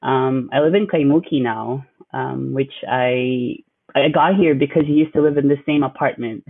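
A man's voice: medium pitch, normal speed, gravelly, breathy edge, no room sound. A young man from the Philippines, a graduate student, answering interview questions hesitantly with many fillers. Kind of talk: casual interview. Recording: dry tinny phone-like line.

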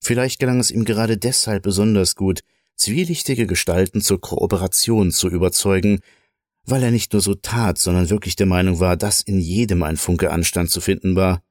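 A man reads a short story aloud in a calm, measured way. His voice sits low, and the sound is dry and close with no room echo. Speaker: narrator.

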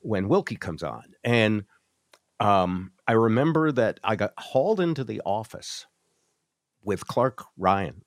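A middle-aged American man, a former radio host, reminisces casually on a group video call and acts out old exchanges as he tells the story. His lowish voice is expressive and unhurried, and the sound is clean, studio-like, with no room sound.

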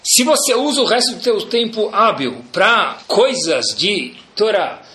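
A man's voice: high-pitched, sing-song, unhurried, pushed and bright. A man with a Brazilian Portuguese accent giving a religious lecture as a rabbi, emphatic and colloquial, asking rhetorical questions and repeating key phrases. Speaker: rabbi giving a Torah class. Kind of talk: religious lecture, sermon with storytelling.

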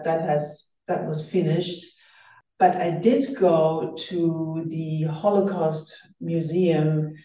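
In a radio interview, a female author whose first language is German speaks earnestly and reflectively, often restarting her phrases. Her voice sits on the low side with a dark tone, captured by a distant mic in an echoey room on a low-quality recording.

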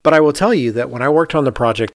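In a quick-paced, mid-range voice, the architect keeps the casual podcast discussion going, emphatic and fond of rhetorical questions. The recording is studio quality with no room sound.

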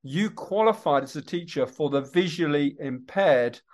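A man's voice: on the high side, animated, normal speed, darkish tone. A man hosting a conversational podcast interview, affirming his guest and often repeating words and phrases.

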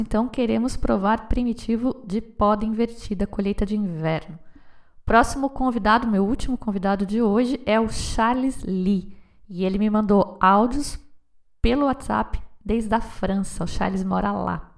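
A woman's voice: mid-range voice, normal speed, gravelly. A woman hosting a podcast, chatting casually and asking her guests follow-up questions. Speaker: podcast host. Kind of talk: casual interview chat.

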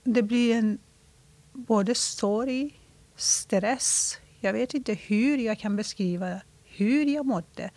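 A woman from Iran telling a personal story in an interview, reflective and halting, slowing down when she talks about her feelings. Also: fairly high pitch, darkish tone, no room sound.

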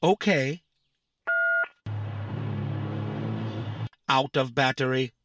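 A man's voice: medium pitch, moderate pace, a bit bright, no room sound, natural voice. A man voicing a literal-minded young boy robot in a family audio drama, stating times down to the millisecond. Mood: puzzled. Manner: pedantic, counts exact milliseconds.

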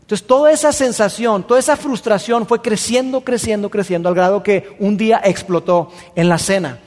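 High-voiced preacher in a reverberant hall. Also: male voice, moderate pace. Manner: colloquial and animated, with slangy asides. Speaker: pastor. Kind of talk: sermon, storytelling a Bible passage.

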